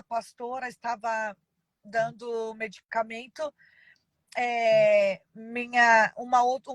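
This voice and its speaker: A woman pastor giving a personal testimony in an interview, halting and emotional with many pauses and fillers. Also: sits high, no room sound, poor audio.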